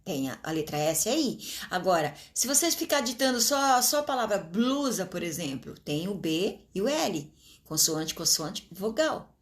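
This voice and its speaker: A woman with a Brazilian Portuguese accent giving an informal talk to fellow teachers, checking in often with quick tag questions and drawing words out slowly for emphasis. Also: medium pitch, very animated. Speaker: teacher trainer.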